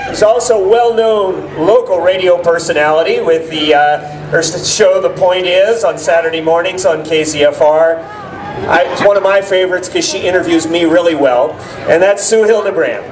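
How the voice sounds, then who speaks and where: A man's voice: high voice, normal speed. A man informally introducing a speaker as the announcer at an outdoor rally. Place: outdoor plaza public address. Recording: distant, echoey, noisy outdoor recording.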